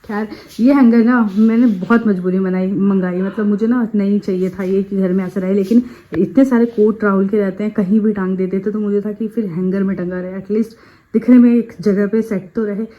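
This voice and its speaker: A woman's voice: medium pitch, fairly even intonation, a little fast, muffled recording. A woman in her thirties, a mother and vlogger, chatting homely and casual about her day. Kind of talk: casual vlog narration.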